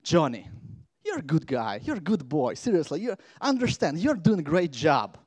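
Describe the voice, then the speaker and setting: A man's voice: a little high, big pitch swings, normal speed, a little mellow, breathy edge. A man voicing a middle-aged male manager who soothingly brushes off a request. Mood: placating.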